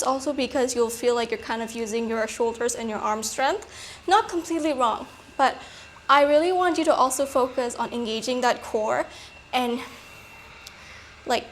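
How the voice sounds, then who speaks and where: A woman leads an exercise session as a peppy, encouraging coach. Her voice is high and breathy with effort, giving short cues and explanations. There is some faint noise behind her. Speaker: fitness coach. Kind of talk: workout instruction.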